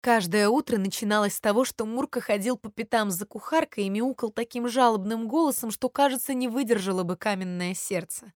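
A woman narrating a children's fairy tale in an expressive, measured reading. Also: on the high side, no echo, clean studio sound. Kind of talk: storybook narration.

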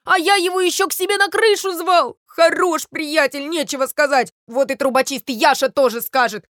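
Woman playing a small enraged storybook sparrow, shouting, high-pitched, dry close sound. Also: moderate pace, no room sound, natural voice. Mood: aggrieved. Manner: shouting, indignant, breathless with rage. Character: hot-tempered male sparrow, small and loud. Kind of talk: storybook reading.

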